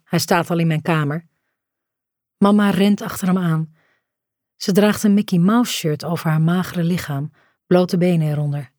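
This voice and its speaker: A woman reads a novel as a first-person audiobook narration, in a slow, measured, hushed delivery. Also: sits low, no room sound, studio quality.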